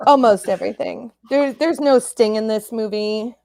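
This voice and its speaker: A woman's voice: a little high, moderate pace, gravelly, a little mellow, no room sound. A middle-aged woman on a casual podcast panel, laughing easily and complaining playfully.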